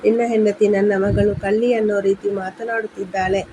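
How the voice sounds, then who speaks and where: A woman's voice: medium pitch, level tone, moderate pace, noisy background, lightly acted. A woman voicing a mother-in-law who scolds her son's wife and defends her own daughter. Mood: accusing. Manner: accusing, defensive.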